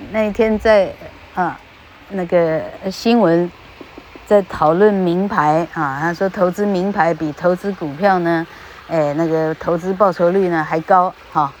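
A woman's voice: on the low side, a little mellow, a little hiss or hum, poor audio. A woman giving a casual podcast lesson on English pronunciation. She talks into a podcast microphone in a chatty way, tagging her sentences with little fillers and stretching out the example words.

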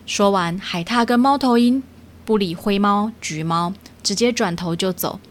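A woman's voice: mid-range voice, measured pace. Woman telling a children's story. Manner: gentle, clear, addresses children.

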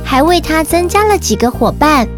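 A woman with a Taiwanese Mandarin accent narrates stories for children as the host of a kids' story podcast, talking directly to her young listeners. Her high voice swings widely in pitch at a moderate pace, with music playing in the background.

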